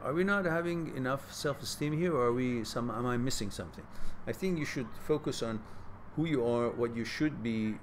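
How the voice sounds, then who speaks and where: A man's voice: medium pitch, moderate pace, hardly any pauses, a little hiss or hum. A middle-aged man hosting a live question-and-answer stream, giving reflective advice and reading out viewers' messages. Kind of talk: casual live advice talk.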